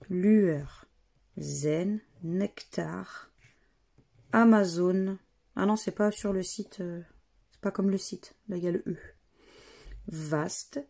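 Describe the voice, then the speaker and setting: Slow, cheerful woman vlogging. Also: on the low side, gravelly, mellow, slightly rough. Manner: cheerful, spells out letters and words one by one. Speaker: scratch-card vlogger. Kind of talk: casual commentary while scratching tickets.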